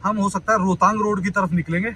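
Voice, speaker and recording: A man's voice: high-pitched, fairly even intonation, quick pace, pushed and bright, rough recording. A man vlogging casually from a car in traffic, chatting with viewers as "brother" and sounding worried about the roads. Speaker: travel vlogger. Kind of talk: casual driving vlog commentary. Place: inside a car in traffic, outdoors around.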